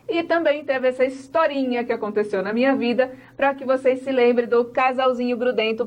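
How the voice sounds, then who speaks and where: Female teacher, Portuguese her first language, clear step-by-step explainer for an online English class. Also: medium pitch. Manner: explains step by step, acts out sample dialogues.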